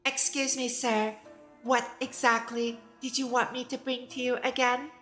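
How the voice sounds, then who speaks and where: A woman's voice: a little high, level tone, measured pace, a bit bright, soft background music. A woman with an added digital echo on her voice, chatting casually while playing and reading game lines. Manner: chatty, testing her mic setup. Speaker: gamer reading dialogue aloud. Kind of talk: casual let's-play chat.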